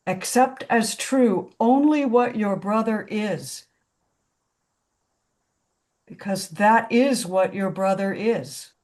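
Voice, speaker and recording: Slow, reflective woman facilitator. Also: mid-range voice, darkish tone. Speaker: discussion group facilitator. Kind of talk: spiritual group discussion.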